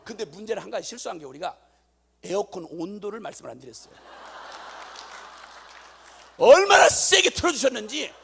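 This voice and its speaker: A middle-aged man, a missionary preacher, telling a testimony in a sermon with lively, animated storytelling. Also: high-pitched, very fast, creaky, husky. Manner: animated storytelling, acting out voices, rising to shouts.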